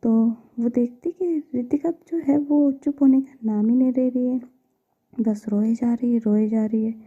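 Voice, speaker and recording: A woman storyteller narrating a romance story in a soft, often half-whispered way. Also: on the high side, steady tone, moderate pace, breathy edge, phone-quality sound.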